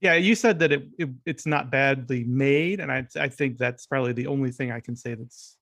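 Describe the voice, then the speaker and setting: A man's voice: mid-range voice, normal speed, gravelly, fairly bright tone. Male podcast film critic, mid-range voice, loose conversational delivery with restarts. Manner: conversational, frequent restarts and hedges. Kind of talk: casual film discussion.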